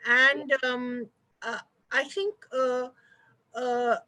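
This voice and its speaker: A woman with an Indian accent hosts a talk over a video call. Her voice is high and bright. She speaks politely and conversationally, feeling her way through long, hesitant questions. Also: fairly even intonation, very slow, poor audio. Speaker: host of an online talk show.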